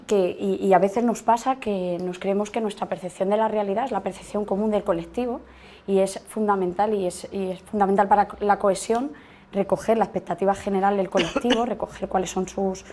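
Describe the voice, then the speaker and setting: A woman leading a training workshop, talking in a reflective, halting way with frequent restarts. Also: medium pitch, steady tone, dark tone. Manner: hesitant, restarts often, reflective. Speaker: workshop facilitator. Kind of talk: informal workshop talk. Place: meeting room.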